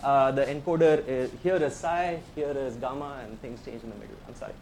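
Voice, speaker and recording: Speaking with an Indian accent, this professor explains a technical tutorial step by step, keeping it conversational and inviting questions. His voice is medium in pitch and darkish, with fairly even intonation and a slightly fast pace, against slight background noise.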